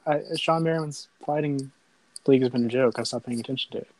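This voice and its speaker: A man's voice: mid-range voice, fast, a loud crowd, low-quality recording. A man hosting a sports podcast in casual banter, blunt and freely profane. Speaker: podcast host. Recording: clear background noise.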